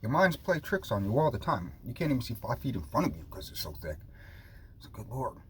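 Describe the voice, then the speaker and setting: A man's voice: mid-range voice, big pitch swings, fairly quick, fairly bright tone. A man chatting casually to viewers in a loose, rambling way, often repeating himself. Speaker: vlogger. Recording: noticeable background noise.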